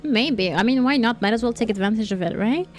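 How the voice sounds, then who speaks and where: A woman's voice: on the high side, lively intonation, brisk, faint music behind. A young woman streamer giving casual, joking commentary with laughing asides while playing a game.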